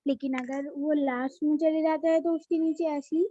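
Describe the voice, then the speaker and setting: A woman with a high, bright-toned voice walks children through the alphabet, saying each letter again and again. The sound is dry and dull, like a low-fi home recording. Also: fairly even intonation, moderate pace, no room sound. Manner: patient, repeats each letter name. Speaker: teacher.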